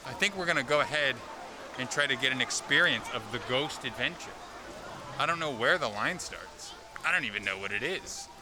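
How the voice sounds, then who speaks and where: A man's voice: mid-range voice, expressive, fairly quick, background noise. A man hosting a travel vlog, chatting and joking as he walks around an amusement park. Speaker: vlog host. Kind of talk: casual vlog narration. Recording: outdoor vlog with loud park music.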